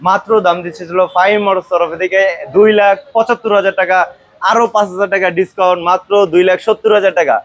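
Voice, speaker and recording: A Bangladeshi man giving an unscripted showroom sales pitch, with a used-vehicle dealer's boastful, repetitive patter. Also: fairly even intonation, fast talker, a bit bright, dry recording.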